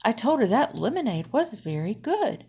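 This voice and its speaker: A woman narrating a first-person story in a plain, even storytelling manner. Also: a little high, moderate pace, slightly rough. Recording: slightly dull, lo-fi audio.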